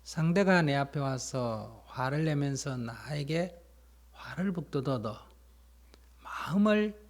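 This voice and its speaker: A man, a Buddhist monk, giving a dharma talk that explains and tells stories, sometimes asking his listeners questions and dropping to a soft, whispery emphasis. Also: medium pitch, expressive, takes it slowly. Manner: plain explanatory storytelling, asks listeners questions.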